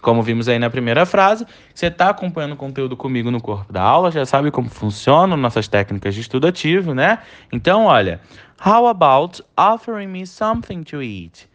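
Lively Brazilian man teaching English. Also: medium pitch, fast talker, hardly any pauses. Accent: Brazilian Portuguese. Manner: chatty, checks in with "né?" and "tá?". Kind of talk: online language lesson.

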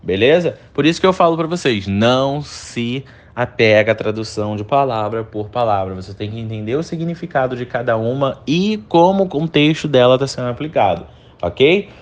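A man teaching English grammar, saying example sentences slowly and checking in often with his students. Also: medium pitch, lively intonation. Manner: slow, drawn-out repetition of example sentences; chatty, checks in often with short tags.

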